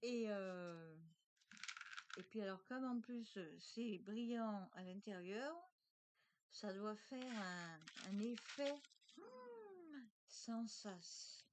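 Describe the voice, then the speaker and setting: A woman's voice: medium pitch, takes it slowly, background noise. A woman hosting a craft channel, chatting hesitantly to her viewers as she unpacks gifts at home. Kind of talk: casual unboxing chat.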